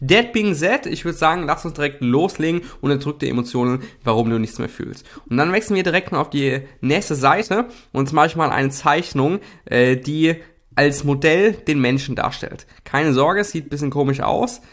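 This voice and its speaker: A young man with a slightly high voice talks casually through a self-help lesson as he sketches. He uses slang, repeats himself and drops fillers. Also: normal speed. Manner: relaxed, slangy, many fillers and repetitions. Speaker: self-help video host. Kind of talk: casual explanatory talk while drawing slides.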